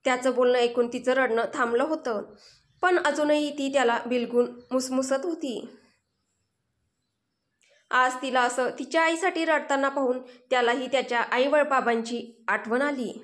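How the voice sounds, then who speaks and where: A woman narrating a romantic story in a steady, expressive reading voice. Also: sits high, moderate pace.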